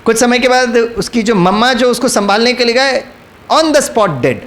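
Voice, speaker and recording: Lively high-voiced man preaching. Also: a little slow. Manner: storytelling, coaxing the audience to repeat lines. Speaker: spiritual speaker. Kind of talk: motivational spiritual talk to an audience.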